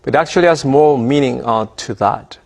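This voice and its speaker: A man raised in Ghana answers interview questions in a voice of middling pitch with a strongly gravelly edge. He talks thoughtfully and often pauses or repeats a word before going on. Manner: thoughtful, with hesitations and repeated words. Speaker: ambassador interviewee.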